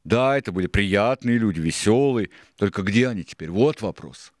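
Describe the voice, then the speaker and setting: A man voicing a cunning, domineering older pirate cook in an audiobook, lecturing loudly and scornfully. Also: lowish voice, animated, normal speed, no echo, studio quality, voice pushed up, close to an everyday voice. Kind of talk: audiobook character reading.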